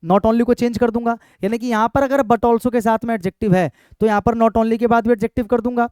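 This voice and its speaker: A man teaching English grammar for exams. He repeats his points, keeps asking the students questions and reads example sentences slowly and firmly. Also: very high voice, fairly even intonation, darkish tone, clean tone, no room sound. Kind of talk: exam-prep grammar lesson.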